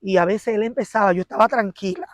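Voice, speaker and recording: Woman telling her church testimony, animated, acts out the arguments, dry close sound. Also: medium pitch, fast talker, dry recording. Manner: animated storytelling, acting out quarrels and prayers. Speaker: interview guest giving a testimony.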